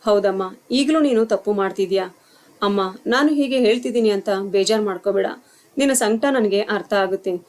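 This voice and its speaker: A woman voicing a calm young husband and son who gently reasons with his mother in a storybook tale. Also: medium pitch, fairly quick, lightly acted. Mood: reasoning.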